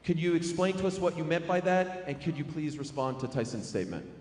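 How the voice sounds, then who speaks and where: A man's voice: fairly high pitch, animated, a little fast, darkish tone. A man hosting a press conference, chatty and playful, saying he is losing his voice. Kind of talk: press conference moderating, hype introductions. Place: large echoey press room. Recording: echoey hall, faint ambience.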